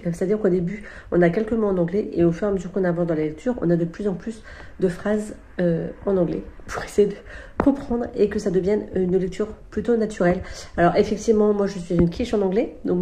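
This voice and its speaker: A woman talks casually about her current reads in a warm, mellow voice. She is chatty and unhurried, often stopping mid-sentence to find the right word. Her voice carries a noticeable echo from the room. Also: medium pitch. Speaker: book vlogger. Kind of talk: casual chat about books she is reading.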